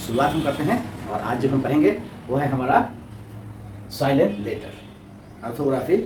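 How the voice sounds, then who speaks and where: A man's voice: mid-range voice, darkish tone. A man explaining an English lesson, asking and answering his own questions and repeating each point. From India. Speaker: English teacher. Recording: roomy echo, distant mic, faint noise.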